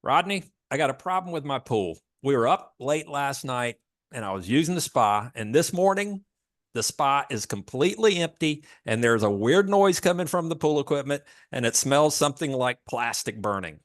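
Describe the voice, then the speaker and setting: A Southern-accented man acting out a flustered male pool owner calling about a problem, hurried and complaining. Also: medium pitch, lively intonation, dry recording, studio quality, voice pushed up, lightly acted.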